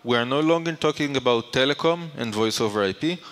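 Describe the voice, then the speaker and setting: Speaking fast in a mid-range, fairly bright voice, a man gives a conference presentation in a large hall whose long echo fills the recording. He takes an explanatory approach, raising questions for the audience and answering them himself.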